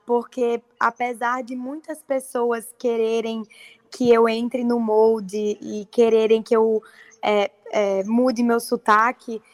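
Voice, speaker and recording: Paraíba-accented young woman, high and dry. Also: flat delivery, slow pace, no room sound. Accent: Paraíba Brazilian Portuguese. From Paraíba, Brazil. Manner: earnest, fluent, many fillers. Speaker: actress guest. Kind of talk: casual interview chat.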